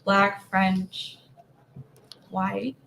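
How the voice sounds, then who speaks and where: A young woman in her twenties talks casually and frankly as a panel guest. Her voice has a gravelly fry to it, and a clear hiss of noise sits over the line. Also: medium pitch, monotone, extremely slow. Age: 20s. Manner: casual, frank, trailing off softly. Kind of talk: casual self-introduction.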